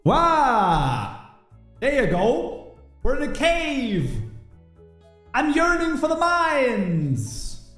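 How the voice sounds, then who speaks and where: A man livestreaming, talking playfully and drawn-out through a heavy cave-like reverb effect on his mic. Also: very high voice, huge pitch swings, fairly bright tone, faint music behind. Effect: heavy cave-like reverb added to the mic. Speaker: livestreamer coding a game mod. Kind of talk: casual livestream chat.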